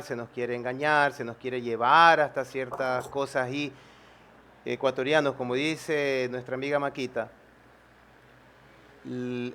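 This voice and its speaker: A man's voice: mid-range voice, fairly bright tone, a little hiss or hum. Emphatic man hosting live. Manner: persuasive, emphatic, repeats phrases. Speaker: host of a live stream. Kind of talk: live-stream commentary.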